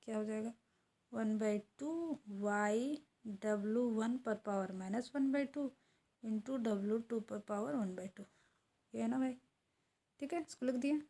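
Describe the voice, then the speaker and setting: Woman lecturer, lesson, mellow tone, fairly high voice, talks through each step. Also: slow pace, pauses often. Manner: talks while writing, asks and answers own questions. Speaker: economics teacher.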